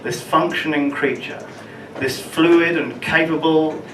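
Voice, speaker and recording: A man performs spoken-word storytelling at an open mic night, stumbling over and repeating words mid-sentence. He sounds distant from the mic, his voice bouncing around a live room with steady crowd-space murmur behind him. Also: fairly high pitch. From London, England. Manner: halting, restarts and repeats words while telling his story. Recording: roomy, distant, with room ambience noise.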